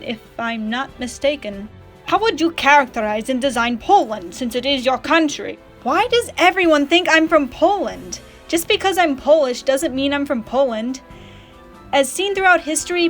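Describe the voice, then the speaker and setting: A woman hosting a casual question-and-answer vlog, chatty and teasing with dry, sarcastic asides. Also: sits high. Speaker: channel host answering fan questions.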